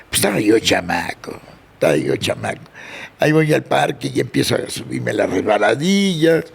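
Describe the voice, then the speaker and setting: An older man telling childhood stories in a casual interview, jumping up in pitch when he quotes people. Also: creaky, slightly rough. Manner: animated anecdote teller, jumps high when quoting people. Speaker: interview guest, sonidero. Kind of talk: casual storytelling.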